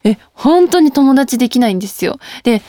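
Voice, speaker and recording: A woman's voice: high voice, animated, brisk, dark tone, no echo, studio quality. A young woman hosting a casual radio talk show, reading listener mail and joking about herself with frequent laughs. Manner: playful, self-mocking, laughs often.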